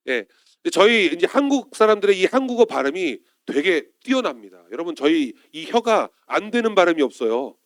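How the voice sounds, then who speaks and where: A man's voice: fairly high pitch, no echo, studio quality. A male pastor preaching a Sunday sermon in church, often turning to the congregation with questions.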